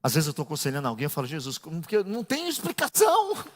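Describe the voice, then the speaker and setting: A middle-aged male pastor preaching a sermon, dropping to low asides and building to shouted, half-sung climaxes. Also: huge pitch swings, very fast. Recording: echoey church hall.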